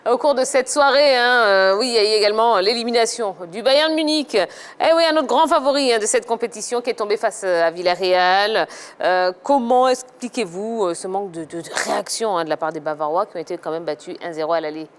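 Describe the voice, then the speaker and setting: A woman hosting a live football debate show, brisk and peppered with fillers. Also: medium pitch, clear, resonant tone. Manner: brisk, many fillers like "hein". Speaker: host.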